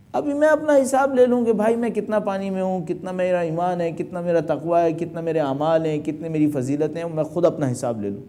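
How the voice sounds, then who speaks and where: A middle-aged male cleric with a warm, high-sitting voice delivers a majlis. His sermon is emphatic and packed with rhetorical questions.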